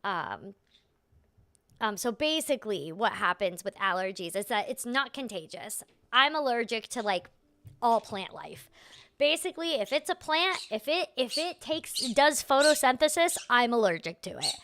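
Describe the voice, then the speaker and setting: A young woman, a voice actor streaming her gameplay, is hoarse and losing her voice, so it comes out soft and unprojected. Still, she sounds animated, pitched on the high side at a moderate pace, rambling casually with lots of "like" and "right?"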